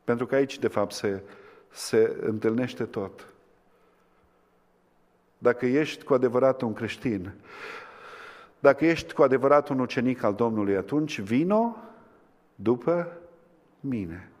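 A man preaching a sermon, swinging between impassioned climaxes and hushed, quiet lines. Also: medium pitch, long pauses. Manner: impassioned, rising to fervent climaxes then dropping to hushed tones. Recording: long hall reverb.

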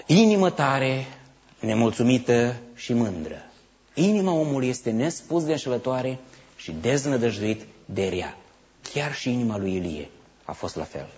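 A man preaching a sermon, swinging between hushed asides and loud emphatic passages. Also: medium pitch, very animated. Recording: dull lo-fi sound.

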